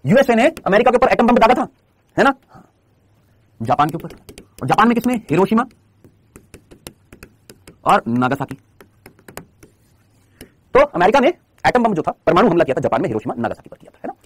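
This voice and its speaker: A man gives a fast lecture in a high, husky voice, and his pitch swings widely. He keeps firing questions at his class and answering them himself in a repetitive coaching tone. The sound is close and dry. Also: big pitch swings, dry recording. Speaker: teacher.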